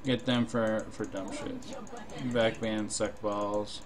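A man's voice: fairly low pitch, sing-song, slow, crowd noise. A young man giving casual live game commentary in a laid-back, musing way, swearing casually as he plays. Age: young adult. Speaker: game streamer. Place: indoor room at a computer. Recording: noisy stream with keyboard clatter. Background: keyboard typing, game sounds.

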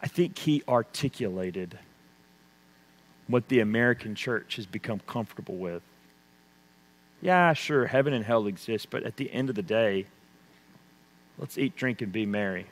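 A man preaching a sermon, swinging between loud emphasis and hushed intensity. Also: on the low side, measured pace, long pauses. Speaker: pastor. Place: church sanctuary. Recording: long church reverb.

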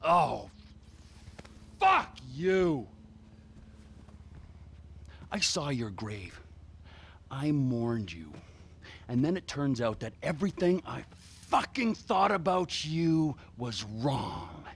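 An actor playing a volatile, profane middle-aged criminal in a video game cutscene, swinging from manic glee to screaming menace. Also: male voice, medium pitch, very animated, extremely slow, pauses often, fairly bright tone, full character voice. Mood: furious. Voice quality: gravelly. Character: volatile, unhinged middle-aged male criminal, explosive temper. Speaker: career criminal.

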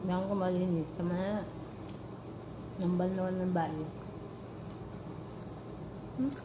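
A woman's voice: fairly low pitch, fairly even intonation, takes it slowly, reverberant, background noise. A woman food vlogger chatting casually while eating with her hands, chewing between words. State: speaking while eating by hand. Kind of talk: casual mukbang chat.

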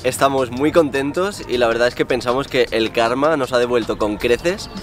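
A man's voice: mid-range voice, moderate pace, faint music behind. Upbeat man vlogging outdoors. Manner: relaxed, upbeat, enthusiastic. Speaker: travel vlogger. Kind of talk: casual chat to camera. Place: outdoors at a sunny campsite. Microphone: on-camera mic, handheld or tripod framing.

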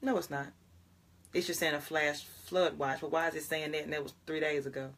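This woman has a deep, steady voice that's fairly bright in tone and fairly quick. She's a young pastor from Jackson, Mississippi, praying and chatting casually on a morning livestream from her home closet, often laughing and addressing viewers as y'all.

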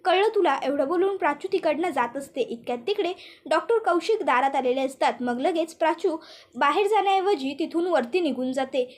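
A woman's voice: high-pitched, a little fast. A woman retelling a television serial episode in a casual storytelling manner. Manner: steady, linking with stock phrases. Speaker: serial recap narrator.

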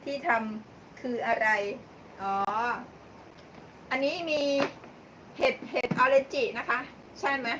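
A woman's voice: sits high, slow pace, pauses often. Chatty woman cooking live, mic far off. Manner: chatty, thanks viewers by name, laughs often. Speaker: livestream cooking host. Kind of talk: casual live-stream chat while cooking. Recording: distant mic with clear background noise.

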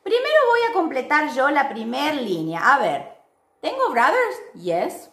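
A woman teacher, giving an online English class to children, upbeat and slowly modelling words for them to repeat. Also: high voice, huge pitch swings, a bit bright. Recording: echoey room, voice far from mic.

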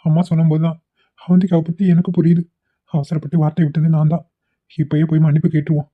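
A man's voice: fairly high pitch, little pitch movement, quick pace, soft background music. A man voicing the characters in a cartoon drama, pleading and apologetic. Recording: tinny phone-like audio.

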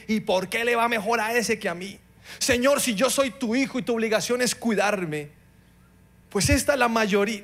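A middle-aged man preaching a sermon, passionate, swinging between loud pleading and quiet moments. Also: high voice. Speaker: pastor.

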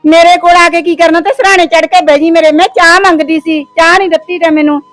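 A woman's voice: very high voice, fairly even intonation, fast talker, fairly bright tone, no room sound, faint music behind. A woman playing a bossy sister-in-law who scolds and orders people around. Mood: scolding. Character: bossy sister-in-law, sharp-tongued and demanding. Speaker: actor. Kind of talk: village short-film acting.

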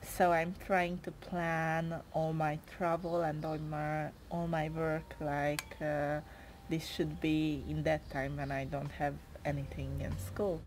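Speaking in a low, level voice, a twenties-aged woman with a Hungarian accent answers interview questions. Hungarian is her first language, and she's soft-spoken and hesitant, pausing and using fillers a lot, while a little hiss or hum sits in the recording.

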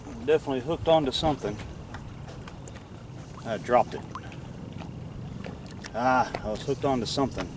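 His voice is mid-range, moderately paced, and he pauses often as he thinks aloud. The middle-aged man is magnet fishing on a lake dock, commenting plainly on his work, recorded by a distant camera mic amid loud wind and water.

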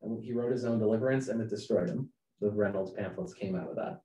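Male webinar presenter, earnest and animated, recorded from a distance in an echoey room. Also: on the low side, fast talker. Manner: animated, acts out quotes in raised voice. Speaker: webinar presenter, company founder. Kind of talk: leadership webinar talk.

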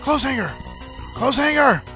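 A man's voice: very high-pitched, expressive, measured pace, music in the background. A man in his thirties giving playful, casual let's play commentary on a headset, often repeating his phrases. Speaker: host playing a video game.

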